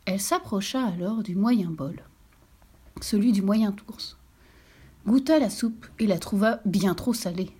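A woman's voice: mid-range voice, measured pace, warm tone, husky. A woman narrating a children's storybook expressively, sometimes dropping to a whisper.

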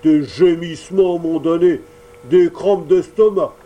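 A man voicing a gruff, bearded male puppet-show boss who booms his words and breaks into sneezing fits in a storybook reading. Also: takes it slowly, mellow, muffled recording.

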